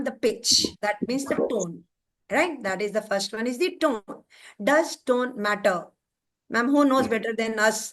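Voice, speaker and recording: A woman's voice: medium pitch, fairly bright tone. A woman with an Indian English accent leading an online teacher-training class, stressing words and often checking in with her listeners. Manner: emphatic, keeps checking in with "right?".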